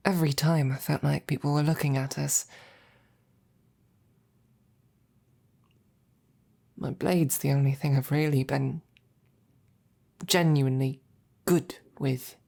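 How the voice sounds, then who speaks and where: Here a woman performs a loyal female royal knight riddled with self-doubt, using a low, gravelly voice in an intimate roleplay. Her manner is tender, halting and casual, slightly mellow, strongly acted and self-deprecating.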